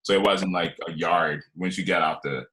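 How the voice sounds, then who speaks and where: In a low, steady voice at normal speed with a sharp tone, a man in his twenties tells his life story on a podcast, and a little hiss or hum can be heard. Originally from Liberia, he speaks in a loose, rambling conversational style full of fillers and restarts.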